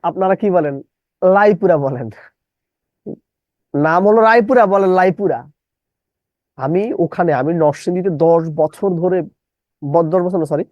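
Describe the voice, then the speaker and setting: A man's voice: sits high, dark tone, no room sound, dull audio. A middle-aged man from Bangladesh teaching a live online English lesson. He repeats his own questions and breaks words into syllables.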